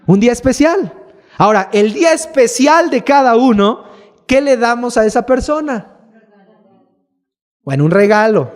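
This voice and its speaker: A man preaches a sermon in a church hall. His voice sits high, and he keeps asking his listeners rhetorical questions. The sound carries a long hall reverb. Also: animated, normal speed, pauses often. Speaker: pastor.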